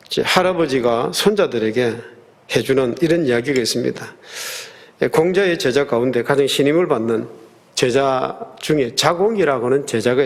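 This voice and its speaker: A male pastor delivering a sermon in a church, pitched a little higher than most men. He tells the story earnestly and with emphasis, acting out the quoted lines. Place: church sanctuary.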